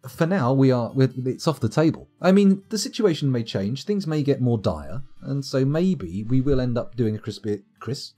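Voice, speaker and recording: A man's voice: mid-range voice, animated, normal speed, few pauses, mellow, faint music behind. A man streaming a strategy game, chatting wryly over livestream microphone audio at home and reading game reports aloud. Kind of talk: casual livestream commentary.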